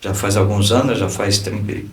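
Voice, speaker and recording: A man in his fifties with a Brazilian Portuguese accent, a lawyer and pastor giving an animated personal testimony on a podcast, stumbling and restarting as he goes. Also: fairly low pitch, a little fast, gravelly. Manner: animated storyteller, acts out dialogue, frequent restarts. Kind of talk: personal testimony in casual conversation. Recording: echoey room, distant from the mic.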